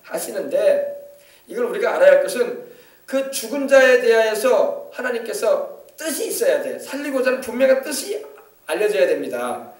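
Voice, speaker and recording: A man's voice: high voice, sing-song, moderate pace, echoey room, far from the mic. A male pastor preaching a sermon with emphasis, often asking the congregation to confirm. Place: church sanctuary.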